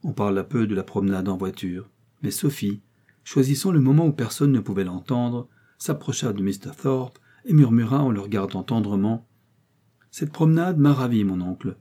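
A man narrating a classic novel as an audiobook, in a measured storytelling manner. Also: on the low side, mellow, breathy edge. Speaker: audiobook reader.

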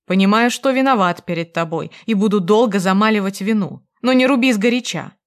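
A woman reading the part of a cold, manipulative husband, speaking slowly and with measured pressure. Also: mid-range voice, lightly acted. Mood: persuasive.

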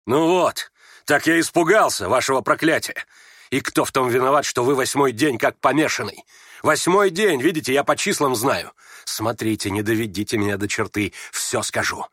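A man's voice: medium pitch, normal speed, fairly bright tone, no echo, studio quality, close to an everyday voice. A man reading aloud, voicing a bitter young man who snaps at his father scornfully. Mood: angry. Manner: scornful, snapping. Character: young man, bitter, sharp-tongued son.

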